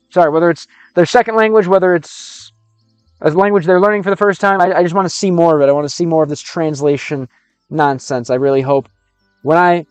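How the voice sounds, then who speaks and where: His voice is high-pitched, clear and resonant, recorded with no room sound. He's livestreaming while learning Russian, talking casually with his viewers, translating the game's text and frequently restarting what he's saying.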